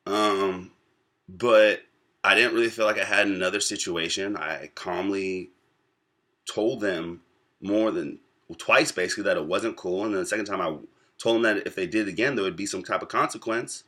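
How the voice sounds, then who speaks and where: A man in his twenties from the United States, telling a personal story to camera in a reflective, pausing way. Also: deep voice, sharp tone. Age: 20s. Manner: reflective, pausing often between thoughts. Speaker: vlogger.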